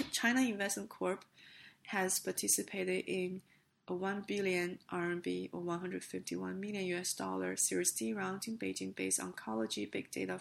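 A woman hosting a business news podcast, reading a script haltingly in a rough, gravelly, hoarse voice. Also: medium pitch. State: hoarse with a sick, coughing voice.

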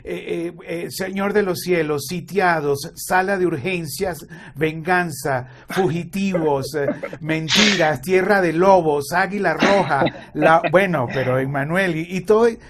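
A man's voice: a little high, a little slow, few pauses, a bit bright. A man hosting an interview, asking questions in a hesitant way full of fillers and restarts. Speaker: interview host. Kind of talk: casual interview conversation.

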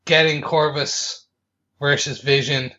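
A man's voice: fairly high pitch, flat delivery, takes it slowly, bright, forceful tone, highs cut off. A man co-hosting a podcast, reviewing a film in casual chat with frequent hesitations and restarts. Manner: hesitant, lots of ums and restarts. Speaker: podcast co-host.

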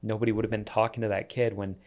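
A man's voice: fairly low pitch, level tone, racing, darkish tone. Man, pastor, earnest, reflective, stop-start phrasing, casual church podcast talk. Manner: earnest, reflective, frequent restarts.

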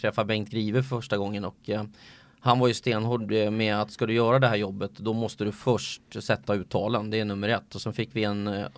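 A sports commentator talking in a casual podcast chat, hesitant and full of filler sounds. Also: male voice, fairly low pitch, little pitch movement, no echo.

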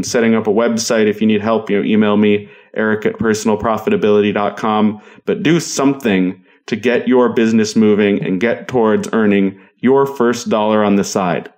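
A man in his thirties with a fairly low voice hosts a podcast on his own. He talks casually and directly, in an encouraging, motivational way. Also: darkish tone. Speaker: podcast host.

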